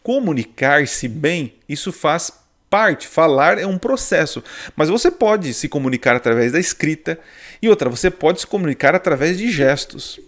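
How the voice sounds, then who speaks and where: A man's voice: on the high side, animated, moderate pace, fairly bright tone. A married man with a Brazilian Portuguese accent teaching a casual online Bible study, often tagging his sentences with "né?" and "tá?". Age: adult, married. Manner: chatty, peppers speech with "né?" and "tá?". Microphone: sharing screen on a video call.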